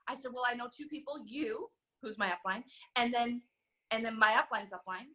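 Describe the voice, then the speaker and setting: A woman in her thirties tells her story as a podcast guest. Her voice is bright and ringing and sits a little high. She is animated and acts out the people she quotes. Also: normal speed. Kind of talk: conversational storytelling.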